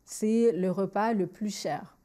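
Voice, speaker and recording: Speaking slowly at a medium pitch, a woman in her forties from Montreal, Canada hosts a podcast in a Montreal French accent. Her storytelling is candid, conversational and lively; she slides between French and English and repeats words as she thinks things through.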